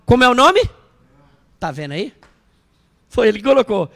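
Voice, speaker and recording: Bishop, male, very high gravelly voice, lively storyteller who quizzes the pews. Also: normal speed. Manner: animated storytelling, questions the congregation. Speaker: bishop preaching. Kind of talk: sermon. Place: church service.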